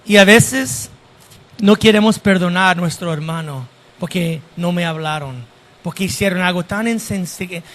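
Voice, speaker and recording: A pastor preaching a sermon and often asking the congregation direct questions. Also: male voice, sits high, moderate pace, a bit bright, slight background noise.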